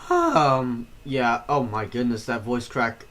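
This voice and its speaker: A man's voice: mid-range voice, normal speed, fairly bright tone. Rambling man streaming storm coverage. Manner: casual, rambling, frequent fillers and self-corrections. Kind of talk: live weather stream commentary.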